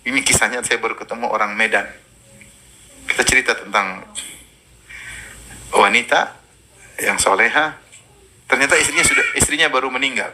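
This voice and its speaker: A man's voice: medium pitch, moderate pace, pauses often, noisy background. A man giving a religious lecture, telling stories with energy and reciting Arabic verses. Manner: lively storytelling, quoting Arabic verses. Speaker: preacher.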